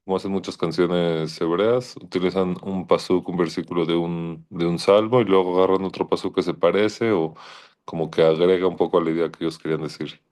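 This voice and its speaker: A man's voice: sits low, fairly even intonation, fairly quick, darkish tone. A man giving an informal Torah lesson, thoughtful and searching, often restarting his sentences. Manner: thoughtful, searching, with frequent restarts and quoted Hebrew verses.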